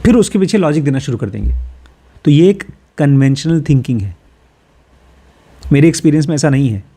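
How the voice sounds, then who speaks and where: A man's voice: fairly high pitch, animated, a little fast, warm tone. A man from Uttar Pradesh explains a self-help book in a casual way. He reads English passages aloud, then talks them through with everyday personal examples. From Uttar Pradesh, India. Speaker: course teacher.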